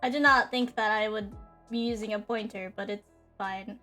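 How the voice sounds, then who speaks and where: A woman's voice: medium pitch, fairly even intonation, moderate pace, sharp tone. A young woman streamer chatting casually and rambling with lots of fillers. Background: faint background music.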